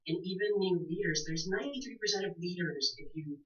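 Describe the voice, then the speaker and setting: A woman's voice: fairly low pitch, brisk. Laughing woman in her forties, roomy. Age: 40s. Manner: animated, laughs often, emphatic storyteller. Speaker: guest speaker. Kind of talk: casual interview chat. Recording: muffled, roomy sound from a distant mic.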